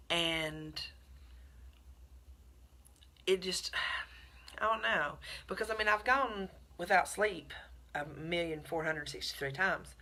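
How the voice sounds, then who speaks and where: A middle-aged woman, telling a story in a chatty, animated vlog to her viewers. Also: lowish voice. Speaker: vlogger. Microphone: phone camera.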